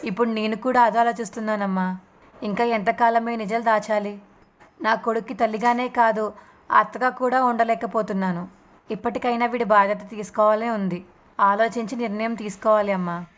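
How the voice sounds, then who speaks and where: A woman's voice: on the high side, fairly even intonation, brisk, natural voice. Woman reading a guilt-ridden young mother. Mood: grieving. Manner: pleading, sorrowful.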